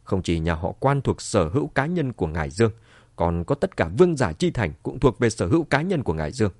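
A man voicing a cold, contemptuous family head who speaks low and hard. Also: big pitch swings, brisk, darkish tone, no echo, clean studio sound.

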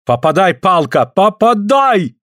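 A man voicing a fierce northern native man who speaks broken Russian in slow, drawn-out words. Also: a little high, expressive, darkish tone, no echo, clean studio sound, voice pushed up. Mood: shouting, terse.

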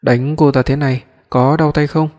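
A man voicing a cold, commanding young executive who speaks calmly and briefly in an audiobook. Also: mid-range voice, normal speed, natural voice. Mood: cool. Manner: calm, cool, clipped. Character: cold, commanding young CEO, tender to his love. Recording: long hall reverb.

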